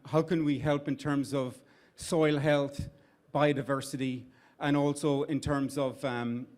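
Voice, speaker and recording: Speaking in a mid-range, darkish voice, the Irish CEO of an investment firm opens a live event before an audience. He is middle-aged and talks conversationally, restarting sentences and using fillers.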